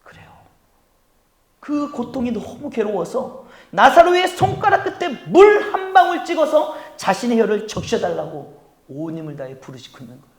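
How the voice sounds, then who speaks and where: A man preaching a Sunday sermon as pastor, swinging from hushed tones to loud calls to the congregation and acting out pleading prayers. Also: very high-pitched, big pitch swings, normal speed. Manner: acts out pleading voices in quoted prayers. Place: church sanctuary. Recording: echoey church hall.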